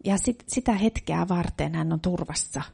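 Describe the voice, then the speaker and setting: A woman's voice: on the low side, creaky, warm tone, husky. A woman interpreting a sermon, relaying each phrase right after the preacher.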